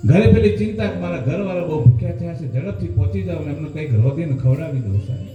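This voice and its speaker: A man preaching a devotional sermon, telling a story and often addressing listeners as "saheb", his voice swinging between hushed and raised lines. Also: on the high side, quick pace, narrow, tinny audio. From Gujarat, India. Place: devotional gathering hall. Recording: echoey hall with faint music.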